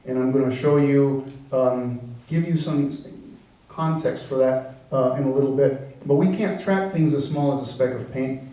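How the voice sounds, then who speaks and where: A man, an engineering professor raised in Venezuela, giving a relaxed public science talk with lots of fillers and restarts. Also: medium pitch, normal speed. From born in the US, raised in Venezuela. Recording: very echoey room, mic far off.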